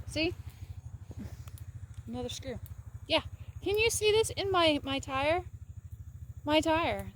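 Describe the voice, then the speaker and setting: A woman chatting casually in a rambling way with many fillers while she vlogs outdoors on her horse farm. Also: mid-range voice. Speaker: vlogger, horse farm owner. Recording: noisy outdoor recording.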